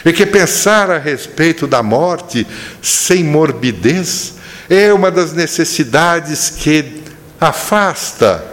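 A man teaching a spiritual study class, telling stories and slowing down to stress points. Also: on the high side. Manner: animated storyteller, slows down for emphasis. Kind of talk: religious study lecture with storytelling. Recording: echoey hall reverb.

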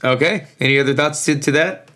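A man hosting a casual sports podcast in slangy, informal talk, his voice hoarse and worn out as if from yelling. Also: on the high side, a little fast. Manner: informal, slangy, mildly profane. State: hoarse, voice shot from overuse. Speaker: podcast host.

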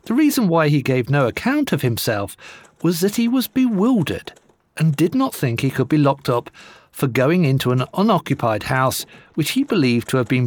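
A man reading old newspaper court reports aloud in a measured, lively way with dry wit. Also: on the high side. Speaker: narrator.

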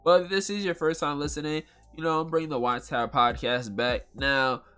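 A man's voice: on the high side, steady tone, brisk, fairly bright tone, smooth, soft background music. A man hosting a casual solo podcast in a congested, nasal whine, rambling in slang and repeating phrases for emphasis. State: congested from allergies. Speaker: podcast host.

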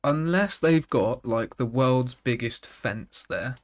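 A man co-hosting a casual podcast, making quick jokey quips and laughing often. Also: mid-range voice. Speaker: podcast co-host. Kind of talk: casual chat.

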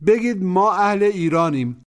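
A man's voice: high-pitched, lively intonation. A man teaching a language course, giving patient step-by-step instructions for repetition drills. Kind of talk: explaining drills in Persian.

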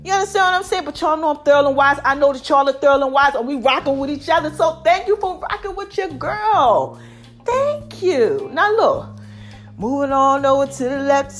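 An American woman in her forties speaks casually and emphatically to her online audience, hosting like a motivational personality who sells her own fitness line. She repeats catchphrases and checks in often in this direct-to-audience monologue. Her high-pitched voice sounds slightly affected by allergies.

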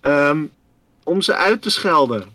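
A man spins a history tale for his podcast co-host in a bright, forceful voice. He rambles through lots of fillers and keeps calling his listener by name. The sound is close and dry, with no room around it. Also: on the high side, expressive, a little slow, dry recording. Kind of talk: casual storytelling chat.

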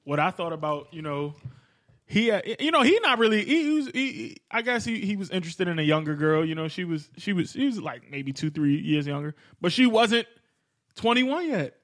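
A young man talks high and fast, his voice swinging up and down as he tells a story in loose street slang. He laughs often and keeps the banter rolling in a casual podcast chat. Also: big pitch swings, fairly bright tone. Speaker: podcast co-host.

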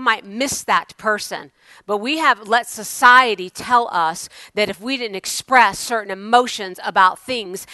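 A woman preacher delivering a sermon in an emphatic, exhorting way, slowing on key phrases and putting pointed questions to her listeners. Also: medium pitch, sharp tone, clear, resonant tone, no echo. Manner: asks pointed rhetorical questions. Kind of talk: sermon to a congregation.

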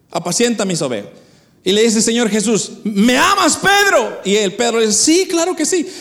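Male preacher, unusually high pitch, explanatory sermon delivery, restarts and repeats words. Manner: explanatory, addresses congregation directly.

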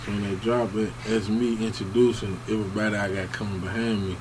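A man's voice: on the low side, level tone, fast, crowd noise, poor audio. A man talking casually and in slang as a rapper being interviewed. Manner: slangy, informal. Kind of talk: casual chat.

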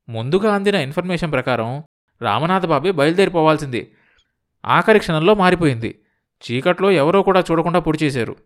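A man's voice: fairly high pitch, pitched above the performer's own voice, natural voice. A man doing an urgent, scheming go-between. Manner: hurried, pressing, conspiratorial.

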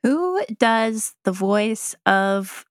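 A woman's voice: mid-range voice, expressive, extremely slow, no room sound, clean studio sound. A woman co-hosting a casual chat, curious and asking questions, laughing along. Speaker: podcast co-host.

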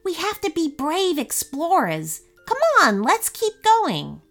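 A woman's voice: very high-pitched, wildly swooping pitch, slow pace, a bit bright, soft background music, voice pushed up, exaggerated voice. A woman voicing a sensible young boy who is cautious and speaks in a worried, matter-of-fact way.

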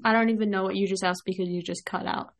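A woman's voice: medium pitch, fairly even intonation, fast. A young woman hosting a casual podcast, dry and mock-serious, brushing off questions. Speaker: podcast host. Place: remote call.

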